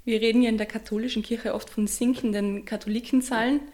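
A woman's voice: on the high side, fairly even intonation, fast talker, darkish tone. Woman interviewer asking direct questions.

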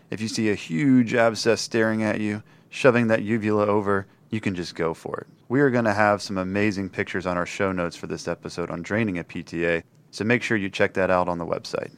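A man's voice: low-pitched, smooth. A man co-hosting a scripted emergency medicine teaching podcast, upbeat when he talks about procedures.

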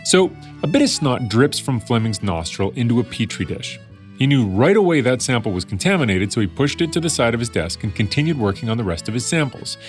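A man's voice: mid-range voice, very animated, a little fast, faint music behind. Guy narrating a story podcast, chatty and wry, voice goes up and down a lot. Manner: conversational, wry asides to the listener.

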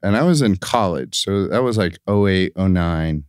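A man in his late twenties chats in an easygoing podcast conversation, his talk full of fillers. His voice sits very low, and the close recording is dry with no room sound. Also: expressive, normal speed, darkish tone, clean tone, no echo. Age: 20s. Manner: laid-back, filler-heavy talk. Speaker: podcast co-host. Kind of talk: casual chat.

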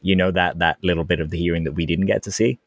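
A man co-hosting a podcast, chatting casually and explaining things plainly, quick to laugh. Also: deep voice, fairly even intonation, no room sound, clean studio sound. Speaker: podcast co-host.

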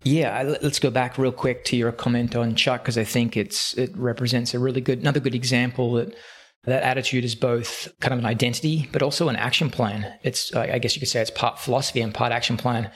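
Brief: male podcast host and golf coach, relaxed storyteller who pauses often, mid-range voice. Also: medium pitch, breathy edge. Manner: reflective, unhurried, with frequent "uh" pauses. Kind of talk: casual storytelling.

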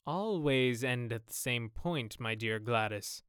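A man's voice: medium pitch, lively intonation, slow pace, fairly bright tone, clear, resonant tone, no echo, studio quality. A man doing a cynical, drawling aristocrat. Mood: languid. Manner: languid, drawling, epigrammatic. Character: witty, cynical aristocratic gentleman.

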